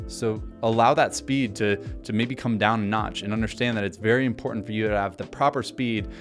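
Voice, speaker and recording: A man giving an energetic instructional talk to camera, coaching people on speaking, deliberately shifting his speed and pitch for emphasis. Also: music in the background. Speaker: presenter teaching on-camera speaking.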